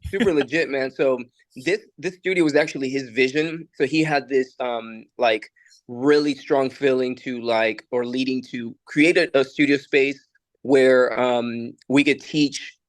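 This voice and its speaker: Speaking in an unhurried, fairly even mid-range voice with no room sound, this young man from El Salvador is a musician and studio producer. He's having a casual podcast conversation in a recording studio, rambling loosely with plenty of fillers and restarts.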